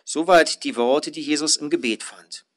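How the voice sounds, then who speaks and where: A man's voice: a little high, fairly bright tone. Earnest male pastor preaching. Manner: measured, earnest preaching with rising emphatic phrases. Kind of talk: sermon.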